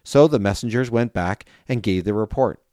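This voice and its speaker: A man reading scripture aloud at a steady, measured pace. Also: fairly low pitch, dry recording, studio quality. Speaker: scripture reader.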